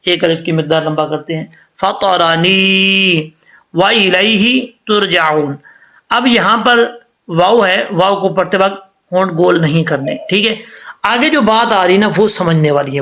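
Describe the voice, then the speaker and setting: A man with a notably high voice leads a recitation lesson, speaking with a lilt. He goes over each rule again and again in a patient, teacherly way. When he demonstrates a sound, he stretches it out slowly. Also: a bit bright. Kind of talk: tajweed lesson.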